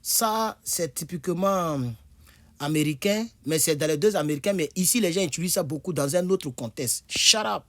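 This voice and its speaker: A man's voice: on the high side, moderate pace, no room sound. Man, tired online English teacher, talks from bed, loose and repetitive, demonstrates every phrase. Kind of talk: casual online language lesson. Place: indoors, on his bed.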